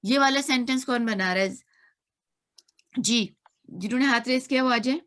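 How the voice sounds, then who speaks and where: A woman's voice: on the high side, moderate pace, fairly bright tone. A woman teaching an online grammar class, patiently repeating and spelling out sounds. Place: online video class room.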